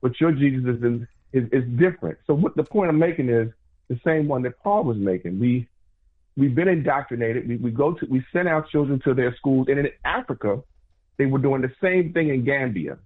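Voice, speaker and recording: A man's voice: mid-range voice, lively intonation, fairly quick, husky. Man calling in on an echoing tunnel-like phone line. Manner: earnest, repeats and restarts words. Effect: echoey phone line, like talking from a tunnel. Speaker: caller. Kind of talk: call-in radio discussion. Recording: tinny, echoing phone call.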